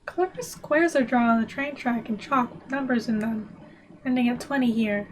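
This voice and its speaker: A woman's voice: fairly high pitch, moderate pace, a little hiss or hum, low-quality recording. A woman streaming a text adventure, reading the game text aloud with wry asides to herself.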